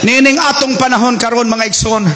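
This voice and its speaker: A male pastor with a Cebuano accent preaching a sermon, mixing languages. He swings between shouted declarations and low, quiet passages. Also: steady tone, fast, in a large hall.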